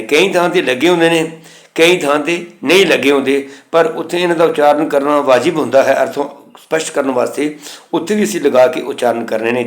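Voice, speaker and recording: A man teaching scripture pronunciation, slowly reciting verse lines and then explaining them plainly. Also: medium pitch. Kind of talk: instructional lesson. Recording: echoey room.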